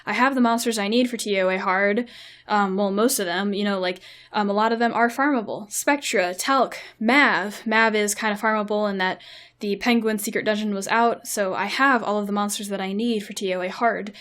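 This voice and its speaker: A woman's voice: medium pitch, fairly even intonation, moderate pace, fairly bright tone. A young woman giving casual gameplay commentary and advice, chatty with frequent fillers. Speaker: mobile game video creator.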